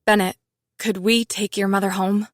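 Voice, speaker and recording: A fierce young woman, ruthless and protective, her voice pitched high and hard, as a man puts her on in an audiobook. She talks cold and threatening, swearing freely. The sound is close and dry. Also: little pitch movement, normal speed, a bit bright, no room sound. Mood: pleading. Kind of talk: audiobook narration.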